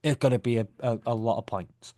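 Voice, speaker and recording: A UK podcast host chats casually in a clean studio recording with no echo, his medium-pitched, mellow voice moving briskly. He rambles, cracks jokes and keeps correcting himself as he goes.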